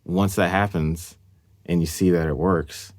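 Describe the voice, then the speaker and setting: A man's voice: sits low, fairly even intonation, a little slow, a little mellow, dry recording, clean studio sound. A man from North Carolina hosting a narrated documentary podcast, telling it with wry, self-deprecating humor. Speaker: podcast host.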